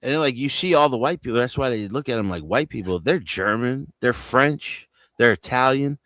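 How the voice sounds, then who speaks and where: A man's voice: mid-range voice, lively intonation, moderate pace, fairly bright tone, dry recording. A man chatting on a live panel stream, telling loose, profane stories in a casual way. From New Jersey. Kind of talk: casual livestream panel chat. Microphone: home mic on a video call.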